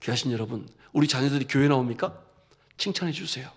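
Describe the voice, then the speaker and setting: A male pastor preaching a sermon in an animated way, throwing rhetorical questions at the congregation with humorous asides. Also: medium pitch, fast, breathy edge.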